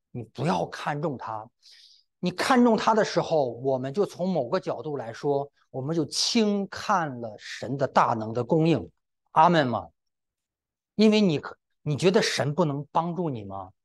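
A middle-aged man preaching a sermon and telling a personal testimony. He speaks to the congregation directly and often breaks in with exclamations. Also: on the high side.

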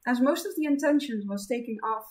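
A woman's voice: a little high, a little fast, a little mellow. A woman reading her own fantasy novel aloud on a live stream, correcting small slips as she goes.

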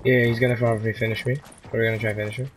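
A man casually chatting and joking with teammates while gaming, firing off quick callouts and slipping into Spanish slang. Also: mid-range voice, little pitch movement, noisy background. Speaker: gamer streaming his play.

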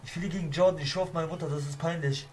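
A man's voice: a little high, fairly even intonation, fast, a little mellow. A young man streaming a football video game, nervous and complaining, swearing at his friend and the match. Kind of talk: casual gaming stream banter.

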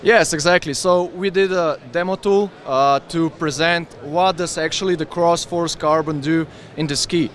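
Eager man pitching skis at a trade fair. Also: fairly even intonation, moderate pace, few pauses. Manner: enthusiastic, explains with hand gestures. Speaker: ski brand representative. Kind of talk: trade fair product interview. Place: busy indoor trade fair hall. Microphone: handheld interviewer mic with windscreen.

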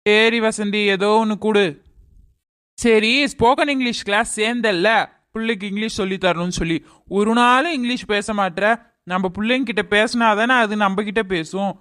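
A performer voicing a patient, soft-hearted village husband in a cartoon, with a Kanyakumari Tamil accent, speaking in a placating, gentle way. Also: medium pitch, normal speed, smooth, no room sound, studio quality, natural voice.

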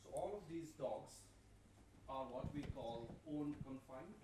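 A middle-aged man from Nepal gives a conference presentation at a podium microphone. His delivery is polite and a little halting, full of ums and restarts as he walks through his slides. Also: mid-range voice, background noise.

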